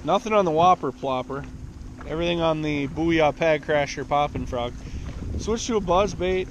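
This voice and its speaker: A man in his thirties chats to a close action camera from a small boat, plain-spoken and rambling. His voice sits a little high. Wind and lapping water are clearly heard around him. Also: normal speed. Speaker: fishing vlogger. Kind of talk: casual chat to camera. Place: small boat on a lake, outdoors, then inside a truck. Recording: wind and water noise outdoors.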